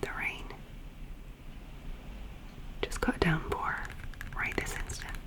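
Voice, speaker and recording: A woman chatting informally in a soft, breathy ASMR whisper, gentle and rambling, close to the microphone. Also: slow pace, low-quality recording. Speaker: ASMR video host.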